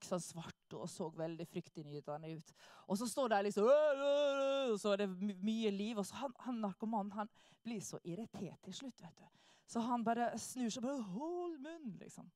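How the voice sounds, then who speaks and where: A woman telling a lively personal testimony. She acts out the people she quotes and laughs often. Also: medium pitch, dry recording, studio quality. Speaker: speaker sharing a testimony.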